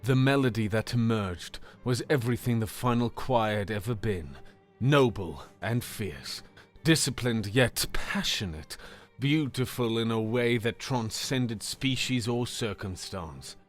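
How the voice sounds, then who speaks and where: A man reading a fantasy story aloud as narrator, in a steady, measured way that slows for dramatic moments. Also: medium pitch, faint music behind.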